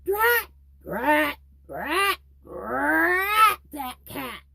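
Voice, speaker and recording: A woman voicing an exasperated mother who scolds the family cat in drawn-out words, in a storybook read to a toddler. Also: high-pitched, very animated, creaky, bright, forceful tone, heavily acted.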